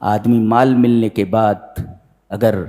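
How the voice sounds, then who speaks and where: A man preaching a sermon, reciting Arabic verses and explaining them with dramatic swings in pitch. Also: level tone, slow, dark tone. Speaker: preacher giving Quran commentary. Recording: long hall reverb.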